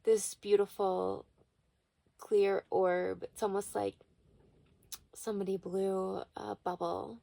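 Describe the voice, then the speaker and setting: A woman talks casually to her viewers from inside a small RV trailer. Her voice is very gravelly with fry, and the sound is close and dry. She comes across as an earnest, reflective tarot reader. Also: mid-range voice, flat delivery, slow, long pauses, warm tone, dry recording. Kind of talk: casual spiritual check-in to viewers.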